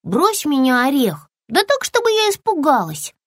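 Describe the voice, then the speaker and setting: Tiny scared girl lizard, squeaky and pleading, woman doing the voice, dry close sound. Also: wildly swooping pitch, moderate pace, no echo. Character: little girl lizard, timid and eager.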